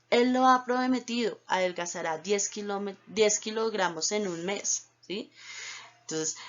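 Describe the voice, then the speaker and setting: Teacher woman with a dull lo-fi sound. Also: medium pitch. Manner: explanatory, checks in often with "¿listo?". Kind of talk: recorded tutorial explaining slides. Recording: dull lo-fi recording.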